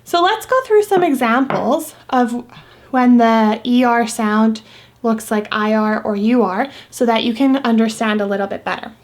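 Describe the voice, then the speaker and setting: A woman teacher giving a recorded phonics lesson to young students, patiently repeating example words slowly. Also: a little high.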